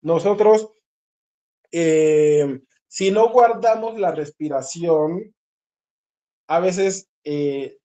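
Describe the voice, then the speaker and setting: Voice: medium pitch, drawn-out words, pauses often, warm tone. A singing teacher leading a group voice lesson, explaining patiently, repeating key points and checking in with the listeners.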